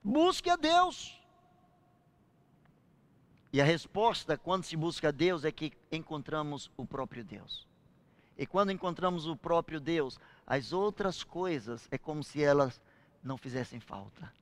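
An older man preaching a sermon, slowing down and swelling on key phrases. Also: on the high side.

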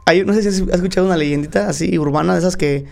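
A man's voice: high voice, racing, creaky. A man with a Mexican accent, a podcast guest telling stories in slangy casual chat. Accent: Mexican Spanish. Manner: slangy, animated storytelling.

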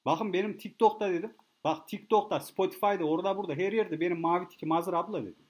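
A man's voice: sits high, quick pace. A man telling a rambling, boastful comic story straight to his listeners, swearing freely and repeating himself as he goes. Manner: boastful, profane, rambling, addresses listeners as kids. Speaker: comedic monologue host. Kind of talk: casual rambling comic rant.

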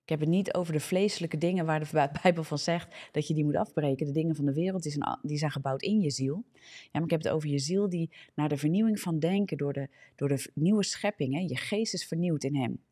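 Fast and fervent, a woman with a Dutch accent and a low, dark voice preaches on a live morning social media broadcast. Her sermon is dotted with checking "ja?"s, restarts, and self-corrections.

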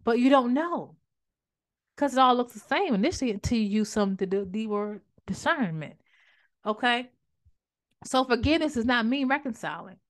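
A woman hosting a podcast, giving a faith-based motivational talk, speaking fast and animated, often repeating and restarting phrases. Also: fairly high pitch. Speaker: podcast host and author.

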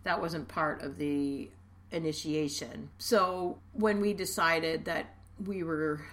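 Bright-voiced woman podcast co-host. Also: deep voice, fairly even intonation, slow pace. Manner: explains steadily, laughs easily. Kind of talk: casual chat.

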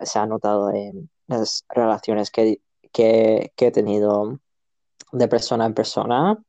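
A man's voice: fairly low pitch, mellow, muffled recording. A man who is a podcast guest, talking in a laid-back, joking way in a casual interview.

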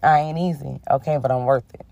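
Low-voiced woman hosting a podcast, under the weather. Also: fairly even intonation, fairly quick, creaky, no room sound. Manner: warm-toned, affirming, sprinkles in "okay?" and "honey". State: under the weather, voice a bit rough. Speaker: podcast host. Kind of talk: casual spiritual podcast chat.

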